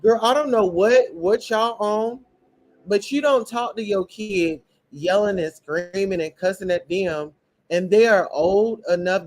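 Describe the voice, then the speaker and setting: High-voiced man ranting blunt commentary. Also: a little mellow. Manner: blunt, profane, preachy. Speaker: show commentator. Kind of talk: reaction commentary rant.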